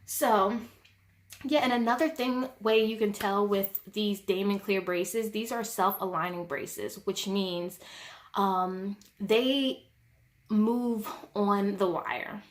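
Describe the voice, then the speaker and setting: A woman's voice: medium pitch, slow pace. A young adult woman venting to camera in a casual vlog, telling a frustrating story in an exasperated way and filling her talk with "like". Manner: heavy use of "like" as filler. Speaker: vlogger.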